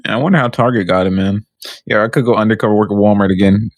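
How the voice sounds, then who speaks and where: Male co-host, quick slangy banter with a dry, close sound. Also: fairly low pitch, steady tone, no echo. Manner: fast slangy banter, repeats himself for emphasis. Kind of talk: casual chat.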